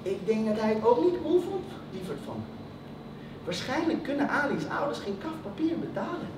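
A man doing a gentle, soothing mother. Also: very high voice, very animated, normal speed. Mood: tender. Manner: soft, soothing. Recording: echoey stage, from far off, room noise.

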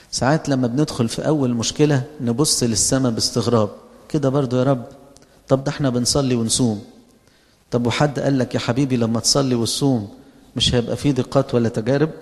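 Egyptian priest preaching in a reverberant hall. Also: male voice, medium pitch, darkish tone. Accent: Egyptian Arabic. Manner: conversational preaching, rhetorical questions. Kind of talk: sermon.

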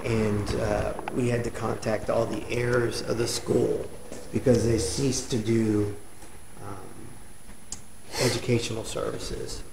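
A man's voice: on the low side, little pitch movement, slow, gravelly. A man showing visitors around an old school, explaining plainly and matter-of-factly. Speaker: building owner giving a tour. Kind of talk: casual guided tour. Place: inside an abandoned school building. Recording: echoey empty room with noise.

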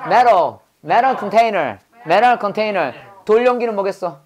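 A man's voice: high-pitched, animated, a little slow. A middle-aged male pastor teaching English vocabulary, asking quiz questions and having the class repeat words after him. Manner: drills words, asks quiz questions, corrects pronunciation. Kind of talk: classroom lesson with call-and-response drills.

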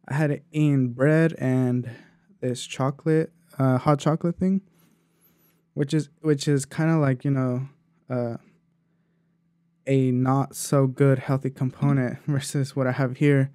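A man's voice: mid-range voice, fairly even intonation, a little slow, warm tone, smooth, no echo, clean studio sound. A man hosting his own podcast, talking loosely and chattily with plenty of fillers while he eats a meal. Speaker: podcast host. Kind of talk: casual solo podcast talk.

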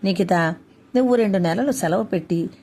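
A woman's voice: mid-range voice, fairly quick, mellow, breathy edge. A woman voicing a bewildered young husband who tries to soothe his wife in a read-aloud story. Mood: placating. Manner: soothing, placating.

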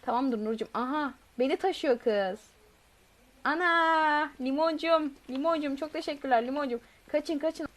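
At a moderate pace and in a high voice, a woman comments on a game she's streaming live, reading viewer messages aloud, chatting along, and shrieking when something comes after her.

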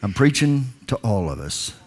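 A pastor in his forties delivers a sermon from a large indoor stage, speaking into a headset mic. His delivery swings between quiet, hushed lines and loud, emphatic calls to the congregation. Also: medium pitch, sing-song, moderate pace, husky.

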